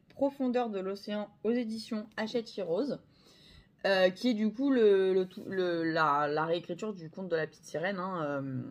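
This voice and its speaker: A young French woman chatting casually about her books, hesitant, with many fillers and self-corrections. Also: mid-range voice. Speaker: book vlogger. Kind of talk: casual chat.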